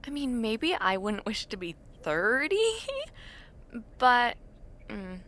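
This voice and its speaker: In an exaggerated, pushed and bright voice of fairly high pitch, a woman speaks slowly and expressively. The casual, intimate roleplay casts her as an awkward, imaginative university dormmate, playful and chatty yet hesitant and self-deprecating.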